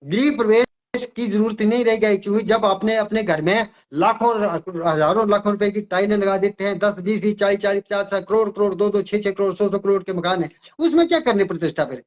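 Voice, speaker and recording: Older man lecturing emphatically, high voice. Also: a little fast, few pauses, lo-fi sound. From Himachal Pradesh, India. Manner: emphatic, lecturing, repeats words. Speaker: astrologer. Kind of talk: interview.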